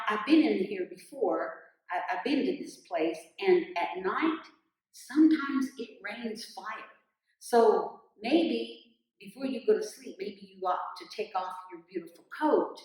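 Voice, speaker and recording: A woman's voice: mid-range voice, lively intonation, close to an everyday voice. A woman voicing a sly, boastful male rabbit trickster in a told folktale, eager and pushy. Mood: scheming. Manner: eager, fast-talking and pushy. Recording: roomy echo, distant mic.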